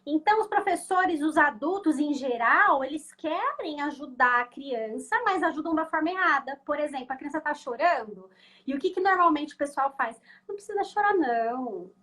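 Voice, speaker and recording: High-voiced Brazilian woman teaching. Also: expressive, normal speed, sharp tone. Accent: Brazilian Portuguese. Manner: peppers speech with tag questions, acts out quoted voices. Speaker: guest educator on emotional education. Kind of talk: conversational teaching in an online class.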